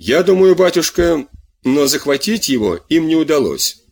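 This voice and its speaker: A man's voice: on the high side, big pitch swings, moderate pace, vocal fry, darkish tone, voice pushed up, full character voice. A man putting on a pleading young farm girl.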